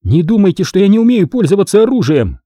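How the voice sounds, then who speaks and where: A man's voice: sing-song, a little slow, warm tone, slightly rough, no room sound, studio quality, exaggerated voice. A man reading an audiobook voices a furious, accusing young woman, the daughter of a mafia boss. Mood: defiant. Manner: shrill, accusing.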